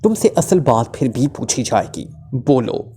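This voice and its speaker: A woman's voice: a bass voice, sing-song, unhurried, mellow, slight background noise, exaggerated voice. A man reading a story voices a cold, ruthless female secret agent who interrogates with curt, snarling commands. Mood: menacing.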